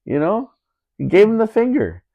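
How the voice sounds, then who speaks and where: A man's voice: high-pitched, huge pitch swings, normal speed, creaky, no echo, phone-quality sound. A man telling a story in a casual podcast chat, indignant, repeating himself with lots of fillers.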